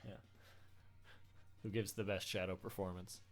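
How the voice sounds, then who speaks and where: A man's voice: sits low, level tone, measured pace. A man chatting casually as he hosts a gaming stream and reads viewer comments. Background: game music.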